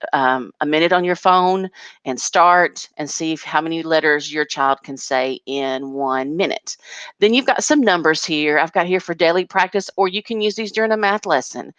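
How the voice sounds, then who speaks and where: A woman's voice: low-pitched, fairly bright tone, dry recording, muffled recording. A woman kindergarten teacher patiently walking parents through a home learning packet, step by step.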